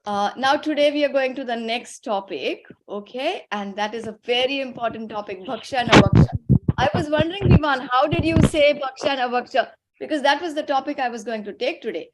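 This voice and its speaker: A woman with an Indian accent leads an interactive children's class over a video call. Her voice sits a little high. She instructs patiently and gives plenty of encouragement. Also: animated, quick pace, slight background noise, low-quality recording. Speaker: teacher leading an online religious class for children.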